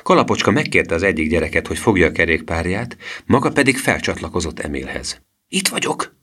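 A man narrating a children's storybook in an expressive reading style. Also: deep voice, husky. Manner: expressive reading with lively voice swings. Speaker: audiobook narrator.

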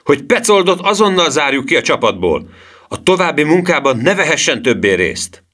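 A man voicing a bossy, quick-tempered boy who leads a gang of children, reading him as a commanding figure in an audiobook. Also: sits low, very animated, fairly bright tone, exaggerated voice. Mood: shouting. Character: bossy excitable boy leader, the professor.

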